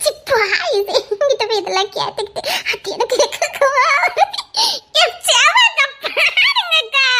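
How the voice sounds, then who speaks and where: A young woman, voicing a cheeky village woman in loud, laughing, bickering audio-drama banter. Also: very high-pitched, a little hiss or hum.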